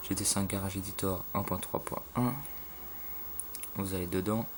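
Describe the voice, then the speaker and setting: A man casually talking through a game tutorial, halting with fillers and loose slang, filmed on a phone at a home computer. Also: sits low, fairly even intonation. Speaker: gaming tutorial maker. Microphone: phone filming a screen. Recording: phone recording with faint room noise.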